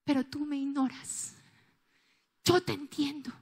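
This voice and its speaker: A woman pastor with a Colombian accent preaching a sermon, telling a personal story with strong emotion, moving from loud outbursts to hushed tones. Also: high-pitched, fairly even intonation, unhurried. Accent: Colombian Spanish.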